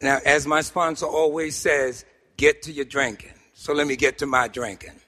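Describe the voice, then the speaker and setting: A high, forceful New York voice rings through a hall with long reverb as a middle-aged or older man from Harlem tells his story to a recovery meeting. Animated and humorous, he works the audience like a veteran storyteller, stressing points with pauses and repetition.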